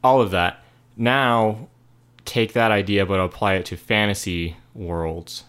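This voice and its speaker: A man's voice: lowish voice, steady tone, slow, a bit bright, clear, resonant tone. A man co-hosting a casual podcast, talking with enthusiasm and plenty of fillers. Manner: enthusiastic, rambling with many fillers. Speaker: podcast co-host. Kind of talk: casual chat.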